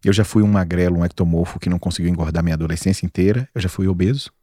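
This fortysomething doctor, speaking with a Brazilian Portuguese accent, talks very fast in a low voice as a guest on a relaxed podcast. He's a lively storyteller, emphatic and full of slang. The sound is studio quality with no room noise.

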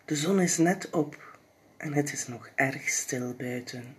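A woman reading a children's story aloud, expressive and sometimes dropping into soft whispers. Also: low-pitched, takes it slowly, a little hiss or hum.

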